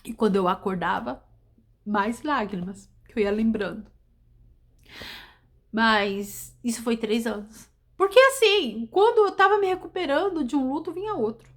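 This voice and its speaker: A middle-aged woman preacher giving an emotional testimony sermon, repeating phrases for emphasis and dropping from loud to hushed. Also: fairly high pitch, expressive, measured pace. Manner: repetitive, emphatic, swings between loud and hushed.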